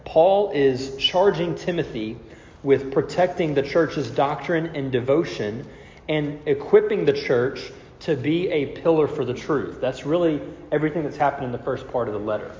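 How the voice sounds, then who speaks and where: A pastor recovering from a cold preaches an expository Bible-teaching sermon to a congregation in a large, reverberant room, working through scripture step by step with explanations and rhetorical questions. His fairly high voice is a little mellow at normal speed, and the recording has echoey hall reverb and a slightly dull sound.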